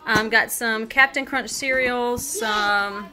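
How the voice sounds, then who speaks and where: A woman in her thirties, a vlogger, chats casually in her home kitchen about her grocery haul, listing items with lots of ums and likes, filmed on a handheld phone indoors. Her voice is a little high with fairly even intonation, she takes it slowly, and crowd noise is audible.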